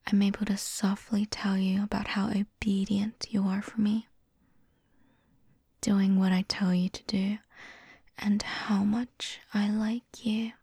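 A woman playing a doting, dominant young student in love, in a whispered role-play, speaking softly and teasingly right into the listener's ear. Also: mid-range voice, level tone, takes it slowly, husky, no echo, clean studio sound, full character voice. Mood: tender, possessive. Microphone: very close, dry.

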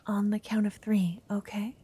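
A woman's voice: mid-range voice, level tone, normal speed, slightly rough, natural voice. A woman voicing a shy, nervous young noblewoman in a whispered roleplay, stammering now and then. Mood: nervous whispering. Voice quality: soft whisper. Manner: hesitant, stammering.

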